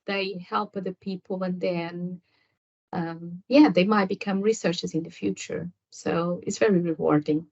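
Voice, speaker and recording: A woman's voice: lowish voice, steady tone, measured pace, gravelly, a little mellow. A woman guest on a nursing podcast whose first language is Portuguese, answering at length with many fillers and restarts. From Angola. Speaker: nurse guest. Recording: slightly dull lo-fi audio.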